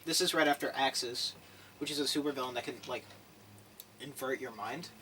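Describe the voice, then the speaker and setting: A young man chatting casually on a podcast, his voice bright and forceful as he rambles excitably and swears in passing. He sits away from the mic, with a faint hiss underneath. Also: medium pitch, a little fast. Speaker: podcast co-host. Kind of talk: casual chat. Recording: voice from a distance with faint background noise.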